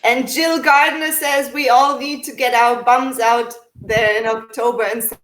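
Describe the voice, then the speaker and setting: Slow, high-voiced woman in a roomy space. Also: steady tone, fairly bright tone. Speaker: vlogger, live chat co-host. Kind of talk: casual chat.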